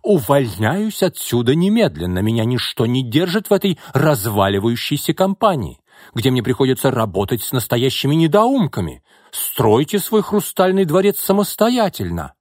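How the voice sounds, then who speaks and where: A man reading an audiobook voices a proud, hot-tempered male architect who yells in outrage at his colleagues. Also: medium pitch, sing-song, moderate pace, no echo, studio quality, pitched above the performer's own voice. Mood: furious. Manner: shouting, indignant.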